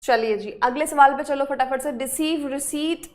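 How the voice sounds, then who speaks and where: A female spelling teacher with an Indian accent and a high-pitched voice quizzes students in a live online class. She's brisk and encouraging, praising them and urging them to hurry.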